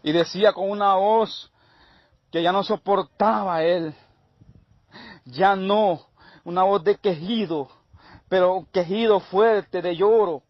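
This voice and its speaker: A man delivers a sermon testimony, his voice sitting a little high. He speaks emphatically and stacks repeated phrases into a steady rhythm. The recording sounds muffled and lo-fi, with no room echo. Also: slow, pauses often. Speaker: preacher giving a testimony.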